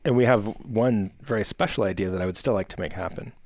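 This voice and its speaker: A man's voice: lowish voice, fast, a little mellow, a little hiss or hum. A man with a Canadian accent co-hosting a podcast in casual chat, easygoing and agreeable, often saying "yeah". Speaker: podcast co-host.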